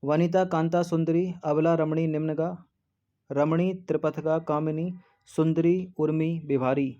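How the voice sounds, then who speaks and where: Flat, methodical male Hindi tutor. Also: a little high, unhurried. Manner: methodical, reads options aloud and eliminates them one by one. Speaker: exam-prep teacher. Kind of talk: explaining a Hindi test paper. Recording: dull lo-fi recording.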